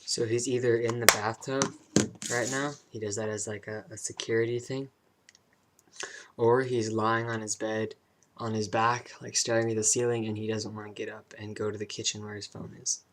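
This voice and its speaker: A young man talking casually and introspectively about personal matters in a vlog, halting and searching for his words. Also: on the low side, level tone, slight background noise. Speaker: vlogger.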